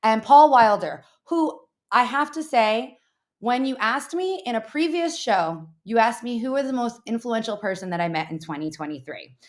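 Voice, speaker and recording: Chatty woman co-host, higher voice. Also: animated, normal speed. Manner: chatty, rambling, many fillers. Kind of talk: casual podcast chat.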